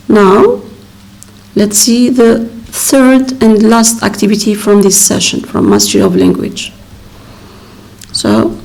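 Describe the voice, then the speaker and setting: A woman teaching an English exam revision lesson, explaining slowly and patiently step by step and repeating words. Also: mid-range voice, creaky, darkish tone, rough recording.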